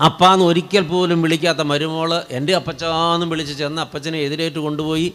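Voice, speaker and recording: A man's voice: a little high, level tone, fast, fairly bright tone. A man preaching a sermon as a story, turning to the congregation with rhetorical asides.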